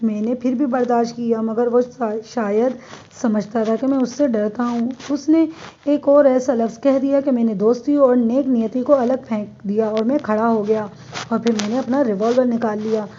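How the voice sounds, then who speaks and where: Woman narrating a crime story, mellow. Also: a little high, steady tone, slight background noise. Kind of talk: reading a crime story aloud. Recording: dull lo-fi.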